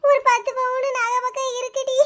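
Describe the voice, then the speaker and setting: A woman's voice: extremely high pitch, completely flat delivery, normal speed, a bit bright. A woman doing a sobbing flood-struck woman. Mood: tearful, pleading. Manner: sobbing, pleading. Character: grieving village woman, flood-struck, tearful. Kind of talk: cartoon voice acting.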